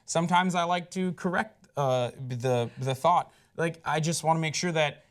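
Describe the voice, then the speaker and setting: Animated higher-voiced male host. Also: normal speed. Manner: animated, incredulous, rambling with many "like"s. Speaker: co-host of a pop culture show. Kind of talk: casual panel chat.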